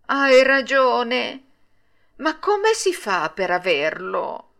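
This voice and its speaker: A woman voicing a poor, kindly old woodcarver in an Italian storybook reading, speaking slowly and gently. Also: a little high, very animated, creaky, pitched above the performer's own voice, full character voice. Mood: gentle. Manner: slow, gentle and fatherly.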